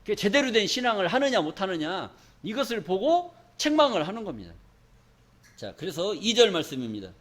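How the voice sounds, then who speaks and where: A man's voice: high-pitched, very animated, brisk, fairly bright tone. A male pastor preaching a sermon in a church, emphatic and folksy, often asking the congregation questions for them to answer back. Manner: call-and-response questions to the congregation.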